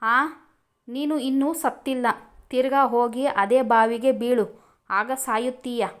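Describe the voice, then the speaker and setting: A woman's voice: high voice, fairly even intonation, normal speed, close to an everyday voice. Woman doing Badri, a hot-tempered young man. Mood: irritated. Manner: snapping, scolding.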